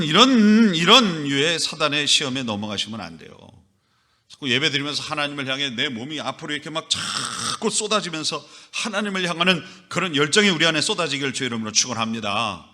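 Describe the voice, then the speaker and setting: A man's voice: medium pitch, sharp tone. A middle-aged man preaching a Sunday sermon as pastor, with emphatic rises and acted scolding.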